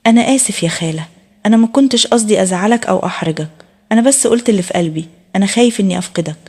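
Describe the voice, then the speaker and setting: A woman voicing a gentle, shy young man of twenty-three who speaks with an Egyptian Arabic accent, softly and earnestly. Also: medium pitch, racing, breathy edge, lightly acted. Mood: sad. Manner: soft, earnest and pleading.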